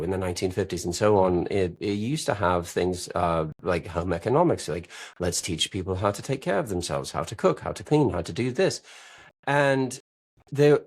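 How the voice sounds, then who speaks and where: A man from Wisconsin with a Wisconsin accent, a guest in a casual podcast interview, joking and telling stories over a remote call. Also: on the low side. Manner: lively, joking storyteller.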